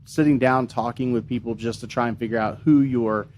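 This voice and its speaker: A man hosting a business podcast, talking in a relaxed, conversational way with lots of "you know" and "um". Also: medium pitch, brisk, slight background noise. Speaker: podcast host, marketing agency owner. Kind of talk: casual podcast chat.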